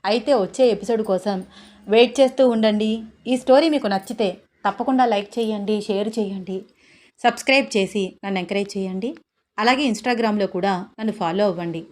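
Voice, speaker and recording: Gentle female storyteller. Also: medium pitch, normal speed. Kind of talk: scripted story narration.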